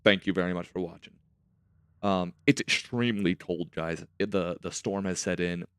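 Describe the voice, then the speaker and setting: Low-voiced man with a slight retainer lisp. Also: steady tone, normal speed, a bit bright, clean tone, dry recording. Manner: chatty, rambling, self-talk while playing. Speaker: host of a gaming series. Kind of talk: casual let's-play commentary.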